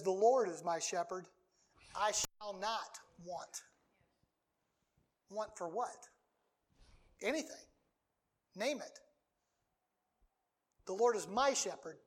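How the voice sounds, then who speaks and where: A preacher delivering a sermon, reading scripture aloud and driving points home by repeating key phrases. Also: medium pitch.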